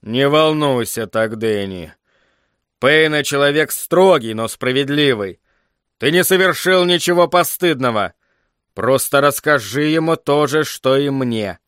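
A man voicing a stern father who serves as a royal butler, speaking slowly and firmly. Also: mid-range voice, lively intonation, fairly bright tone, clear, resonant tone, no echo, studio quality. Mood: reassuring.

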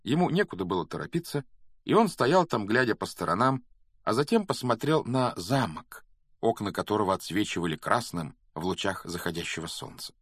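A man reading a children's novel aloud as an audiobook narrator, steady and measured. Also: on the low side, slightly rough, no echo, studio quality. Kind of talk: scripted narration.

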